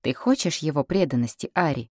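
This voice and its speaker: A defiant young heroine in an audiobook, urgent and stubborn, as the narrator voices her. The voice is low for a woman and the recording dry and close. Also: expressive, a little fast, a little mellow, no room sound.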